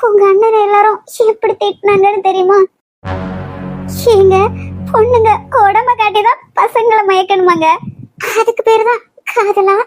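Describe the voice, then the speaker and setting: A hurt but spirited young wife, played by a woman, speaks in a cartoon. Her voice is very high and earnest, and she pleads her case with feeling. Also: steady tone, normal speed, pauses often, darkish tone, soft background music. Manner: earnest, pleading, tearful complaints. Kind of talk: cartoon voice acting.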